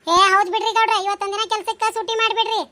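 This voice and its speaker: A woman's voice: very high voice, fairly even intonation, very fast, bright, forceful tone. A woman with a North Karnataka Kannada accent voicing chatty, bossy village women at a wedding in a cartoon, talking in a teasing, gossipy way. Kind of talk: cartoon voice acting.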